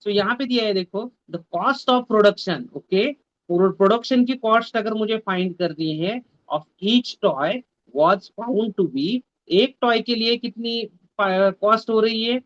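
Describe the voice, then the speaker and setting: A man's voice: high voice, slow, a bit bright, dry recording, highs cut off. A man teaching a math lesson in an online class, mixing Hindi and English and repeating his instructions. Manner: mixes Hindi and English, repeats instructions, scolds students to mute mics. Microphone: video call.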